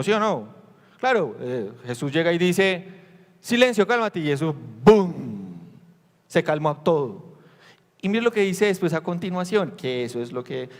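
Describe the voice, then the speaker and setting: Animated pastor preaching in a reverberant hall. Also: male voice, a little high. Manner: animated storytelling, acting out the disciples' lines; asks the congregation questions. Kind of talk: sermon.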